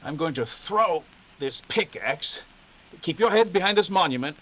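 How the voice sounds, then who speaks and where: A man playing Sherlock Holmes, a brisk, self-assured detective, in formal, authoritative 1940s radio mystery style. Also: a little high, lively intonation, a bit bright. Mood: commanding. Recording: dull, noisy live radio-play recording.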